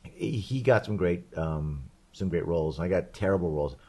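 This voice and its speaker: Low-voiced male podcast co-host, rambling animated storyteller, casual. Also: moderate pace, breathy edge. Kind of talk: casual chat.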